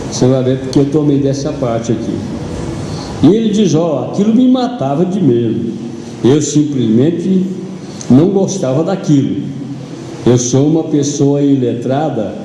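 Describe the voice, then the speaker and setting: Slow, dark-voiced Brazilian pastor preaching. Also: male voice, fairly high pitch, a little hiss or hum. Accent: Brazilian Portuguese. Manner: slow dramatic retelling of a story in first person. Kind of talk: sermon. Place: large church hall. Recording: echoey church hall with long reverb.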